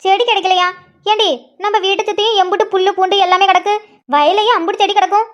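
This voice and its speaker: Woman doing a shrill nagging village mom, cartoon. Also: fairly even intonation, fast talker, a bit bright, muffled recording. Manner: nagging, preachy. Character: scolding village mother of a grown daughter.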